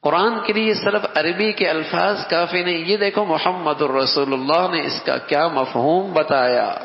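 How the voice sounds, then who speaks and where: A man preaching a sermon with a raised, gravelly voice, repeating each key phrase for weight and reciting quotations in Arabic. The sound is dull and lo-fi, and long reverb from a large hall trails after his words. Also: a little high.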